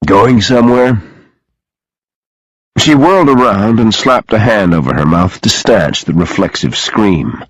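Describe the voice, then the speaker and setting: A man narrating an audiobook in an expressive, dramatic reading style on a close studio mic. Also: low voice, no echo, poor audio.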